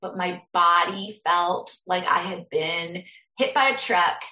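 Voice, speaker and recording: A woman telling a personal story as a guest in an interview, earnest and halting, often restarting her sentences. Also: fairly low pitch, sharp tone, roomy sound.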